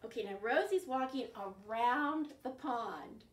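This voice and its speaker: An older woman, a children's librarian, hosts an interactive picture-book storytime for young kids from her living room, full of questions, exaggerated gasps and animated reactions. Her voice is fairly high and measured in pace. The camera sits a few feet away, so the sound is roomy and distant.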